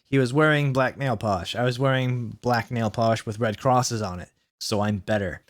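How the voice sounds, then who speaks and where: A YouTube host with a mid-range voice reads fan fiction aloud at a normal pace in a tired, comedic, dramatic style. Worn out from the long reading, he stumbles over misspelled words and breaks off into exasperated asides to viewers.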